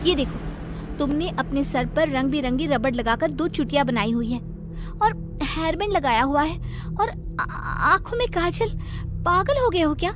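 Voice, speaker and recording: An actress plays a mother both alarmed and annoyed at her son. Her voice sits high and sounds exasperated. Bright cartoon music plays clearly underneath. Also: lively intonation, normal speed. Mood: scolding. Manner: sharp, exasperated. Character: worried middle-aged mother, scolding.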